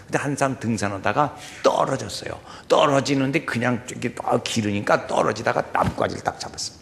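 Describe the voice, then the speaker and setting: A man preaching a dramatic sermon as pastor, swinging between shouts and hushed whispers. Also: medium pitch, brisk, creaky, slight background noise. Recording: echoey church hall.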